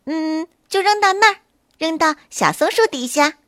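A woman voicing a small, brave and clever gray rabbit in a children's story, brisk and confident. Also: extremely high pitch, animated, a bit bright, dry recording, clean studio sound, voice pushed up.

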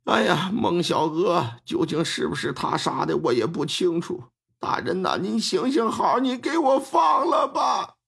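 A man's voice: on the high side, animated, unhurried, creaky, fairly bright tone, slightly rough, exaggerated voice. A man voicing a beaten father who pleads and whines, slipping into a Henan accent. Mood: pleading. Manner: whining, begging. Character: beaten, pleading middle-aged male father.

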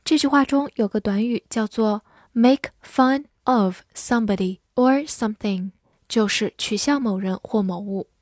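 A woman teaches English vocabulary at a very unhurried pace. She reads example sentences slowly and spells the words out letter by letter, in a voice pitched a little high. The recording is dry and close, with no room sound. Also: darkish tone, dry recording. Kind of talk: vocabulary lesson with slow read-alouds.

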